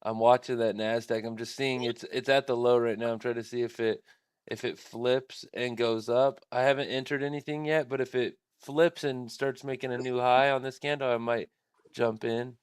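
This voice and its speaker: A man's voice: mid-range voice, clean tone, dry recording, clean studio sound. A man hosting a live trading stream, thinking aloud at his computer in a casual, rambling way.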